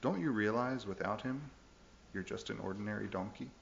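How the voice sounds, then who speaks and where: A man voicing a gentle, wise mother donkey in a sermon story, speaking softly and calmly. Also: on the low side, moderate pace, gravelly, highs cut off, a little hiss or hum. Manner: soft, calm rebuke.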